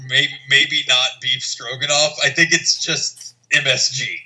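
A man co-hosting a podcast with casual comic banter, joking in halting, restarted phrases. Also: medium pitch, little pitch movement, sharp tone, a little hiss or hum, rough recording. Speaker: podcast co-host.

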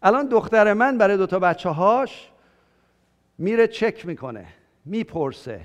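High-voiced older pastor in a reverberant hall. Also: male voice, dull audio. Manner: lively, asks the congregation questions and jokes with them. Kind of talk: conversational sermon.

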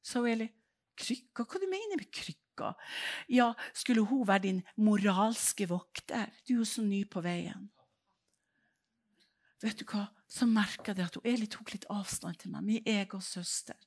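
Woman preacher from Norway, animated sermon storyteller. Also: medium pitch. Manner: animated storytelling, acts out dialogue.

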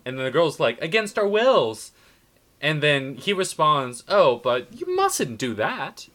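A man's voice: a little high, big pitch swings, unhurried, sharp tone. A man co-hosting a casual chat, joking and acting out lines in silly voices. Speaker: podcast co-host. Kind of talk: casual chat recapping a film.

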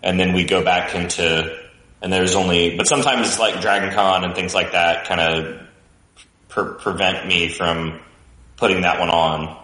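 A man with a low voice and a bright, forceful edge, chatting easily as a guest. His speech rings with a cave-like echo, as if he is deep in a cavern. He sounds like he is recording from a basement room. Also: unhurried. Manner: relaxed, chatty and talkative. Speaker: podcast guest. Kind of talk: casual chat.

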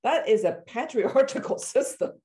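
A woman from Iran, a therapist, hosting a conversational interview and asking long, searching questions, sometimes acting out reactions with sudden high exclamations. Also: expressive, a little slow, mellow. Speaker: therapist and podcast host.

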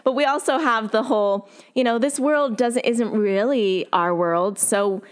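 A woman, an actress and game master, chatting as a guest in a casual interview, animated and laughing often. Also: on the high side, a little slow, smooth. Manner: animated, laughs often, lively acted quotes.

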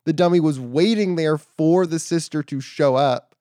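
Wry man with a higher voice. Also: moderate pace, mellow, dry recording, clean studio sound. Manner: wry, questioning, reasons things out aloud. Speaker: podcast co-host. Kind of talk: casual chat.

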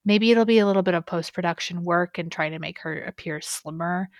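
A woman's voice: lowish voice, brisk, no echo, studio quality. A young woman co-hosting a gaming podcast in casual, rambling, enthusiastic chat. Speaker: podcast co-host.

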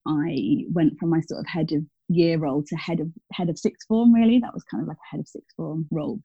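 Chatty woman, low and mellow. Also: fairly quick, husky, no echo. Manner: chatty, frequent fillers and self-corrections. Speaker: teacher and guest. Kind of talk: casual interview answers. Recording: dull, dry lo-fi sound.

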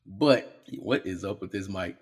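A man's voice: low voice, measured pace, husky. A man hosting his own podcast in a home studio, talking casually in a blunt, profane, joking way. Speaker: podcast host. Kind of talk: casual solo podcast talk.

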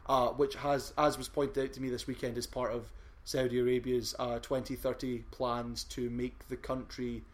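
A man's voice: mid-range voice, little pitch movement, moderate pace. A man co-hosting a podcast, rambling through news with fillers and restarts. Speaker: podcast co-host. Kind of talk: casual chat.

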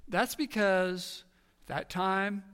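A male pastor in his thirties delivers a sermon with a high, bright, forceful voice. He tells his story earnestly, dropping to a near hush and then rising to loud emphasis. His words carry a long reverb from a large sanctuary. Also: drawn-out words, smooth. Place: church sanctuary.

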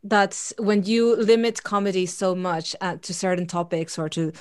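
A woman with a medium-pitched voice joins an intellectual chat. She speaks informally and conversationally, softening her opinions as she offers them. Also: little pitch movement, moderate pace, smooth. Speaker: discussion participant.

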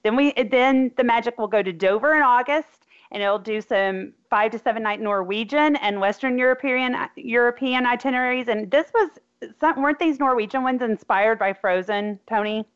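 A woman's voice: fairly high pitch, normal speed, clean tone. A woman with an Arkansas accent co-hosting a casual travel podcast. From Arkansas, USA. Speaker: podcast co-host. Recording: dull lo-fi voice audio.

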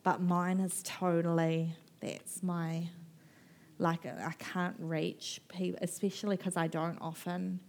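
Animated, rambling woman author. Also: lowish voice, slow pace, vocal fry, a little hiss or hum. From New Zealand. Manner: animated, rambling, laughs often, mimics people. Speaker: author guest. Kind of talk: live festival conversation.

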